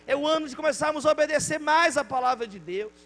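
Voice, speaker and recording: A man's voice: extremely high pitch, fast talker, a bit bright. A male pastor with a Brazilian Portuguese accent preaching a sermon with passion, acting out the people in his stories.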